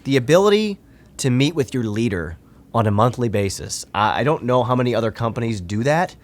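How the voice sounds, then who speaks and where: A man's voice: mid-range voice, expressive, brisk. A man hosting a company podcast, asking earnest questions and stumbling over small words. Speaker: podcast host. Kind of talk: interview questions.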